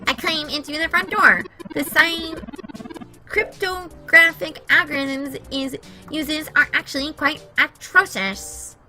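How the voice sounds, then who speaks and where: A woman's voice: high-pitched, fairly even intonation, slow, sharp tone, faint music behind, pitched above the performer's own voice, full character voice, low-quality recording. A woman voicing a cute, fussy, know-it-all male robot, reading its game lines in a precise, matter-of-fact way. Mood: lecturing. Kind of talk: reading game dialogue aloud.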